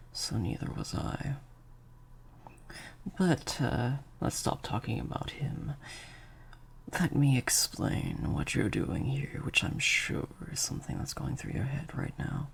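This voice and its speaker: In an improvised audio roleplay, a man plays a sadistic vampire master who menaces and teases a captive listener in breathy half-whispers, sounding amused and condescending. His mid-range voice is heavily acted, with slight background noise.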